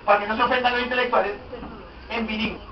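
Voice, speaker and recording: Joking and lively, this pastor preaches a funny sermon and keeps asking the congregation questions, his very high voice moving at a quick pace. Heavy noise from a crowd fills the background. The audio is dull and echoey, picked up by a distant mic in a hall.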